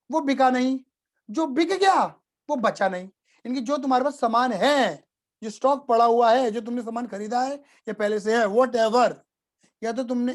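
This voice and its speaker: A man teaching accounting in a casual live class, repeating points and often checking whether students follow. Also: very high-pitched. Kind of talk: live online class explanation.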